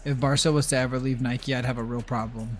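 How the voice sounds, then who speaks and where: A man's voice: medium pitch, fairly even intonation, quick pace, faint music behind. A man streaming a video game and chatting casually, ranting bluntly and swearing. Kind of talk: casual livestream chat while gaming.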